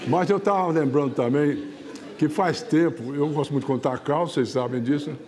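A man's voice: on the high side, a little fast, a crowd in the background. A man hosting a show, telling folksy tales in a chatty way with frequent tag questions. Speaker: TV show host. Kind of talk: folksy storytelling.

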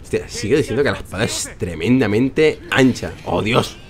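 A man's voice: fairly low pitch, animated, moderate pace. A young man with a Spain Spanish accent, hosting a let's play with joking, sarcastic, swear-filled casual commentary.

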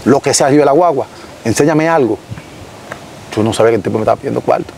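A young Dominican man with a Dominican Spanish accent, telling his story as an interview guest in an animated, casual way, recorded outdoors on a lapel mic. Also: medium pitch, rapid-fire, gravelly, slight background noise, rough recording. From Dominican Republic. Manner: animated, gesturing, frequent self-corrections. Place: outdoors in a rural yard.

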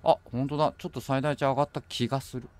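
A man streaming a horror game, thinking aloud as he plays and bursting into alarmed shouts when enemies appear. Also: mid-range voice, fairly even intonation, racing, a little hiss or hum. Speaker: gaming streamer. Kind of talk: horror game let's play commentary.

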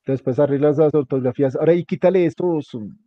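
A man's voice: on the high side, fast, dry recording. A man teaching a hands-on computer class, giving directions step by step and repeating them often. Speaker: instructor. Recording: dull lo-fi recording.

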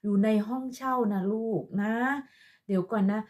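A woman's voice: mid-range voice, moderate pace, dull audio. A woman ranting in a vlog monologue, scolding and mocking with crude insults in a sarcastic motherly tone. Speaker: online commentator.

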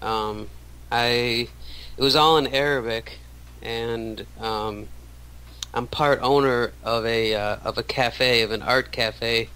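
A man's voice: mid-range voice, steady tone, slow, sharp tone, clear, resonant tone, low-quality recording. A man in his thirties, a radio show guest, talking casually with many restarts and fillers. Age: 30s. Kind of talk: casual interview talk.

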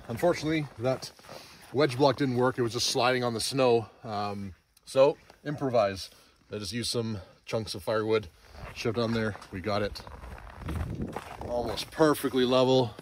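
A middle-aged man with a medium-pitched voice films himself at arm's length at a snowy outdoor campsite, casually walking through a camper trailer's gear step by step and briefly stepping inside the small trailer. The selfie recording is clearly noisy, with clicks audible.

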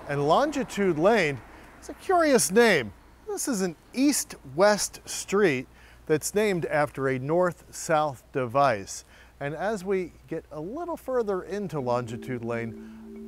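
A man's voice: on the high side, a little hiss or hum. A middle-aged man, guiding a walking tour outdoors in a playful, storytelling way. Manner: storytelling, lively, playful asides. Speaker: tour guide. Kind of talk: on-camera walking tour presentation. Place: outdoors on historic city streets and alleys.

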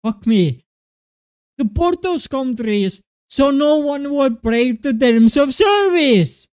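A young man with an Estonian accent ranting to his webcam, exasperated and swearing, with halting restarts. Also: very high voice, animated, darkish tone, clean tone. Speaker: gaming video creator. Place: small indoor room at a desk. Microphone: webcam close up.

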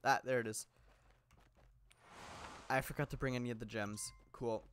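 A man's voice: mid-range voice, steady tone, normal speed, a bit bright, a little hiss or hum. A young man giving casual, rambling gameplay commentary, chatty, laughing often, with lots of fillers and restarts, sounding a little sick. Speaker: gaming YouTuber.

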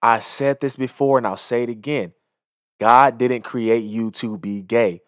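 Wearing a headset and close to a studio mic on an arm, a young video commentator gives emphatic, moralizing reactions from his small home studio. His medium-pitched voice stays steady and unhurried, with no room sound.

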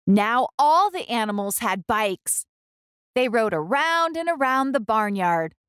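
A woman reads a children's story aloud in an expressive, storytelling style. She takes her time, with lively rises and falls in a medium-pitched voice, recorded close and dry. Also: a little slow, clear, resonant tone, dry recording. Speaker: children's book reader and host.

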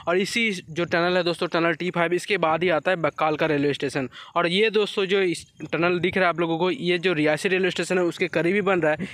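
High-voiced man vlogging, dry close sound. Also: fairly bright tone, no echo. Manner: repeats "friends" as a filler, explanatory. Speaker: construction update vlogger. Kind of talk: casual vlog narration.

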